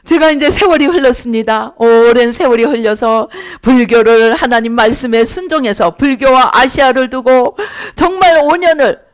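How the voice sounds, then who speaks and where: Middle-aged woman pastor, high voice, animated testimony-style sermon that acts out her prayers. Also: moderate pace, hardly any pauses. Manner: animated storytelling, acting out prayers.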